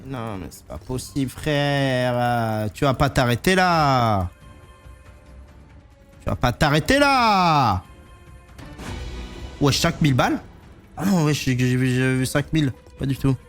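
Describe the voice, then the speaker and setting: A man's voice: medium pitch, lively intonation, slow, pauses often, a bit bright, faint music behind. A man giving casual live gambling stream commentary in slangy, pleading banter. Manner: slangy, pleading banter addressed to the game and viewers. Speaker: casino game livestreamer.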